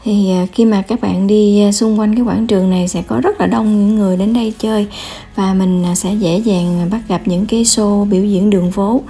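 Woman, travel vlog voice-over, husky, mellow, halting with fillers. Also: mid-range voice, steady tone. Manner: hesitant, many filler pauses. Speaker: travel vlogger.

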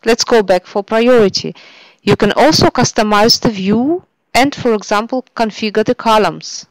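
Woman, screencast narrator, even instructional read, dry close mic. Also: fairly high pitch, normal speed, dry recording, low-quality recording. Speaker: software tutorial presenter.

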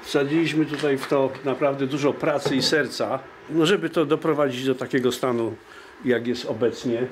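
A man's voice: mid-range voice, steady tone, moderate pace, slight background noise. A man, speaking conversationally in an informal interview as a veteran athlete. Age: 60s. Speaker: veteran amateur kayaker. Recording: music behind the voice. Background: music.

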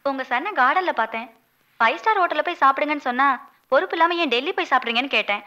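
A bold young employee. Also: female voice, high voice, animated, very fast, sharp tone, dull audio. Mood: complaining. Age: young adult. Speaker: office employee. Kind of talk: comic film dialogue.

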